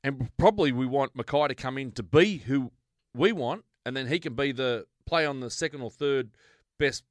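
A man's voice: medium pitch, moderate pace, no echo, clean studio sound. A man with an Australian accent chatting casually about football as a podcast panellist.

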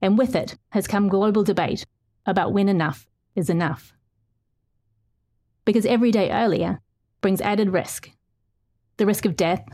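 Reading a long feature aloud, a middle-aged reporter keeps a steady, clear delivery at an ordinary middle pitch. When fielding questions, she speaks more loosely and restarts here and there.

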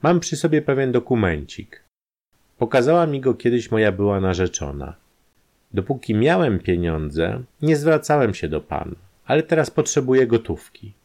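A man's voice: mid-range voice, big pitch swings, moderate pace, darkish tone, voice pushed up. A man voicing an insolent young male blackmailer with a cocky, defiant manner.

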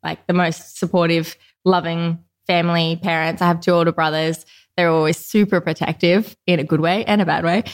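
A woman's voice: fairly low pitch, little pitch movement, moderate pace. A woman from Australia, a podcast guest talking openly and casually about her life, with lots of "like" fillers. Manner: open, chatty, frequent "like" fillers. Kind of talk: casual conversational interview.

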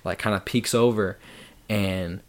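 A young man, a podcast guest, telling a story in a casual, animated way and acting out the people in it. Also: a little slow. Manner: animated storyteller, acts out quotes with big jumps in pitch.

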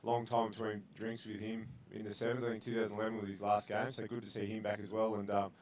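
A man's voice: fairly low pitch, little pitch movement, fast, a little mellow. A man, a rugby player guest, talking in a laid-back way with lots of fillers. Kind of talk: casual sports chat.

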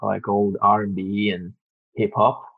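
A man from Sri Lanka answers interview questions in an easygoing, hesitant way. His voice is very low, gravelly and husky. The sound is dry and muffled, as over a weak video call. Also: normal speed, dry recording. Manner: relaxed, hesitant with ums. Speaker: guest, doctor.

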